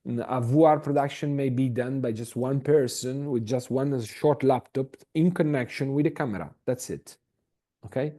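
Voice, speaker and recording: A man's voice: mid-range voice, moderate pace, mellow. A man from Italy, giving a masterclass talk over a video call in hesitant English, full of restarts and "okay?" tags. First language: Italian. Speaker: masterclass speaker.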